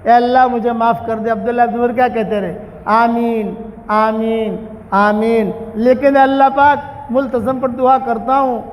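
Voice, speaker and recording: A man preaching a storytelling sermon, animated, acting out the characters' dialogue as he tells the tale. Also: very high voice. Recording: dull, muffled recording in a large reverberant hall.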